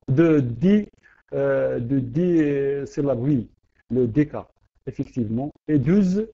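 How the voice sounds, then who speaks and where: A man's voice: fairly high pitch, dark tone. A man teaching poetry in an online class, hesitant, often repeating words and saying euh. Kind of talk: online lesson. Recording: dull lo-fi audio.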